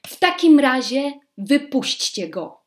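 A woman's voice: a little high, sing-song, takes it slowly, darkish tone, pitched above the performer's own voice. A woman voicing a spoiled, fussy young princess in a storybook reading, speaking petulantly and scornfully.

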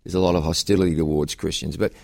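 A man who is a pastor and host, interviewing a guest with curious, quick follow-up questions and frequent restarts. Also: low voice, steady tone, gravelly, darkish tone.

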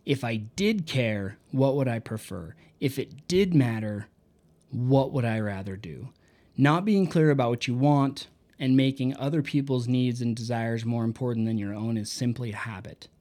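A man with a mellow, warm tone talks through a self-help book in a relaxed monologue. He reads short quotes aloud, then reflects on them with his own anecdotes. His pitch sits in an ordinary middle range. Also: moderate pace. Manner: reflective, reads out quotes and adds personal stories. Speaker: book reviewer. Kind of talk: casual book review monologue.

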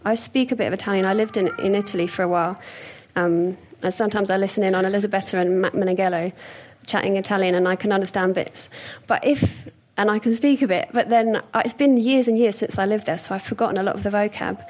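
A woman's voice: medium pitch, fairly even intonation, fast, few pauses, darkish tone. A young woman preaching a sermon in a conversational, storytelling way, with frequent hesitations.

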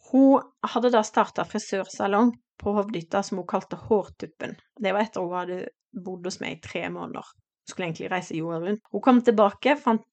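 A woman's voice: medium pitch, gravelly, dry recording. A woman in her forties speaking a heartfelt, reflective personal podcast monologue, with hesitant fillers and restarts. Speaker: podcast host.

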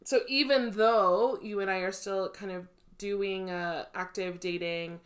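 A woman co-hosting a candid chat podcast, speaking in a measured, reflective way with filler ums. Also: mid-range voice, fairly even intonation. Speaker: podcast co-host.

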